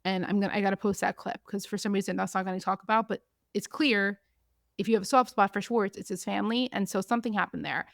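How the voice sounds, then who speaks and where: A woman hosting a podcast, recapping in casual chat, animated, acting out what others said. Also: medium pitch, quick pace, vocal fry, no room sound, clean studio sound. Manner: animated, acts out quotes, frequent "like". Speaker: podcast host.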